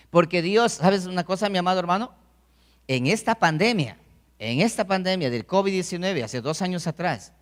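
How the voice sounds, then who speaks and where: A man's voice: sits high, fairly bright tone, big-room sound. A male pastor preaching a sermon, pressing his point with rhetorical questions and repeated phrases.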